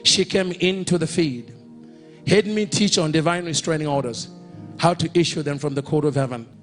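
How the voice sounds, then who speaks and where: High-voiced emphatic male preacher. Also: normal speed, faint music behind. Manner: emphatic, repeats phrases, calls out to the congregation. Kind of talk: sermon with storytelling and led prayer. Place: church or conference hall in Ghana.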